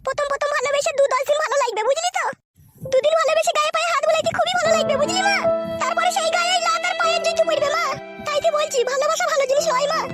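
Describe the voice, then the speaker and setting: Woman, mother role, scolding and crude, very high voice, music behind. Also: steady tone, very fast. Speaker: mother in comedy sketch.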